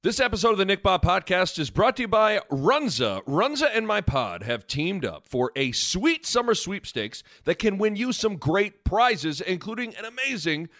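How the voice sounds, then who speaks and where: A man's voice: sits high, very animated, moderate pace, hardly any pauses, fairly bright tone, dry recording, studio quality. A man hosting a podcast reads an ad in an upbeat promotional announcer delivery. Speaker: podcast host. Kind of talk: podcast ad read.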